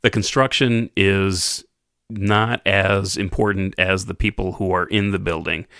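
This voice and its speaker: A man hosting a podcast interview, speaking haltingly and restarting his words. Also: deep voice, fairly even intonation, a bit bright, no room sound, studio quality. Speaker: podcast host. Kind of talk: casual interview conversation.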